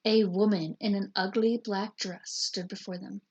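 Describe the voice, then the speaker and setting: A woman teacher reading a picture book aloud in a slow, deliberate storytelling manner. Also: mid-range voice, steady tone, darkish tone, dull audio, a little hiss or hum.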